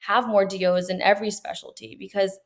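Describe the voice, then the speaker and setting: A woman's voice: mid-range voice, little pitch movement, brisk, creaky. A young woman from Peru, a medical student, answering interview questions in an earnest, reflective way with frequent fillers and restarts.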